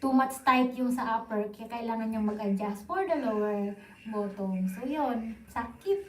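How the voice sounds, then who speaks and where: A woman's voice: a little high, unhurried, echoey room. A young woman with a Filipino accent chatting casually and informally with viewers on a live stream.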